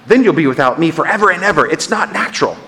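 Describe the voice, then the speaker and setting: A man voicing a sly, flattering lizard that coaxes its master with insistent patter. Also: fairly high pitch, fast, pitched above the performer's own voice. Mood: wheedling.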